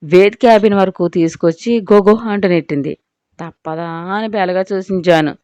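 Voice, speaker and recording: A woman narrating a scripted audio story with an expressive reading style. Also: fairly low pitch, normal speed, clear, resonant tone, no echo.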